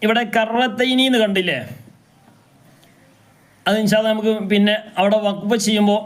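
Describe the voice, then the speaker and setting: Guy teaching a live recitation class, high smooth voice, keeps asking the class questions and then chants the verses slow and stretched out. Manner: poses questions to students, then chants verse examples slowly and drawn out. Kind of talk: live class, explaining rules and reciting examples.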